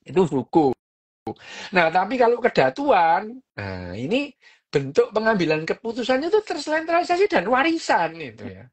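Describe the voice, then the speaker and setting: A woman's voice: mid-range voice, sing-song, normal speed, slightly rough. A woman, hosting a podcast and explaining a book in a casual, chatty way, full of fillers and little jokes.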